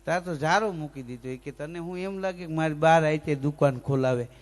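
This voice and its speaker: A man's voice: a little high, brisk. A man, telling folk comic stories and acting out lisping characters. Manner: lively joke-telling with sung bits and acted lisping voices. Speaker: folk comedian. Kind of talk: dayro comic storytelling.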